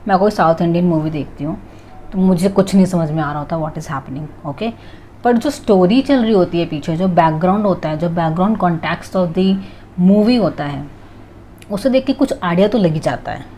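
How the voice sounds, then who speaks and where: A woman's voice: fairly low pitch, normal speed, mellow, a little hiss or hum. A woman giving a casual spoken English lesson, explaining patiently and often checking in with "alright" and "okay", mixing English phrases into her talk. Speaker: English teacher.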